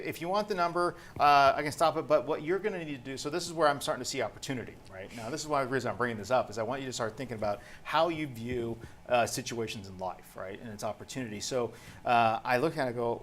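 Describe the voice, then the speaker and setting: A man hosting a panel, casually telling a long anecdote and acting out the dialogue of the people in it. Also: mid-range voice. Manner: animated, acts out quoted dialogue.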